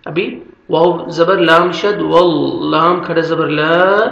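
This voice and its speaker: A man with a high voice leads a step-by-step lesson. He draws out each example in a slow chant, then explains in brisk, plain sentences. The recording sounds roomy and a little dull. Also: fairly even intonation, vocal fry, fairly bright tone. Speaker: recitation teacher.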